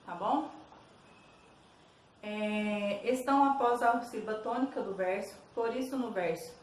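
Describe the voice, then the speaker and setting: A Brazilian woman teacher explains exercises to her students patiently, checking in often with little questions. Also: a little high. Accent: Brazilian Portuguese. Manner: patient, repeats "tá bom?" checks. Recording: roomy echo, distant mic, faint noise.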